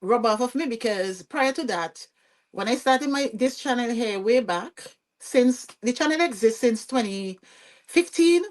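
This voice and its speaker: Vincentian-accented woman guest, lively storyteller, pitched a bit high. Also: unhurried. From Saint Vincent and the Grenadines. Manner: lively, chatty, often asks "you see what I'm saying?". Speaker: podcast guest. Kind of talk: conversational storytelling interview.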